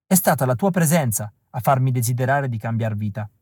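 A wistful, resolute rebel woman speaks softly and earnestly, her tone lifted a little above an ordinary man's speech, as a male audiobook reader puts her on. She sounds tender. The recording is dry and close, with no room around it. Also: medium pitch, animated, a little fast, slightly rough, no echo. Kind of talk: audiobook reading.

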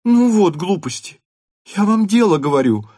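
A man reading an audiobook aloud and voicing an excitable, pleading teenage girl in a high, breathless, insistent voice. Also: moderate pace, husky, no echo, studio quality.

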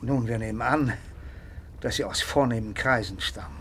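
A man playing a courteous, quietly suspicious police inspector in a radio play, matter-of-fact and knowingly pointed. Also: mid-range voice, moderate pace, very noisy, close to an everyday voice. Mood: matter-of-fact reporting.

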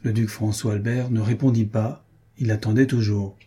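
A man narrating a novel as an audiobook, in a measured, deliberate reading. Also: fairly low pitch, fairly even intonation, dark tone, husky.

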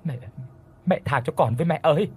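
A man's voice: fairly high pitch, brisk, darkish tone, husky. A man voicing a terrified village wife who stammers and pleads with a ghost. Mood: terrified pleading.

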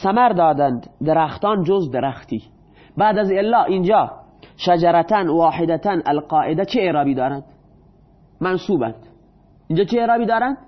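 A male teacher explains Persian grammar, questioning his students and answering himself, and reads example sentences slowly. His voice is a little high and animated, and the sound is lo-fi.

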